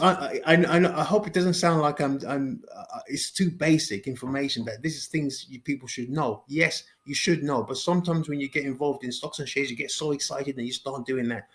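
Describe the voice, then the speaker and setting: A man with a fairly high voice giving an informal beginner lesson, repeating phrases and checking in with "okay?" after each point. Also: a bit bright. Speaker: finance educator. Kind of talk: informal explainer video.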